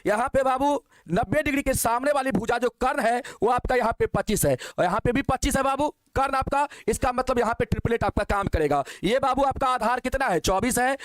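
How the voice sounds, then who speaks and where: A male maths teacher, coaxing and encouraging as he works through problems. His voice sits very high. The sound is dry and close, with no room. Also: no room sound. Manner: coaxing, calls students "babu", asks quick questions. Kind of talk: online exam-prep lesson.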